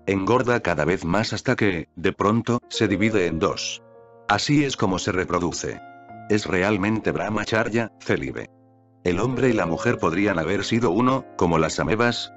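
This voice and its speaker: A man reads a spiritual text aloud in a calm, measured way, his voice sitting a little low. The recording is dull and lo-fi. Soft music plays faintly underneath. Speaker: narrator.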